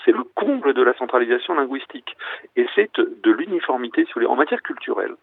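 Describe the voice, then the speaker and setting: A man's voice: medium pitch, lively intonation, fast, gravelly, no echo. A man who is a guest author on a radio interview, calling in by phone, arguing his case with passion. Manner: passionate, argumentative. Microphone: telephone. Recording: tinny dry phone line.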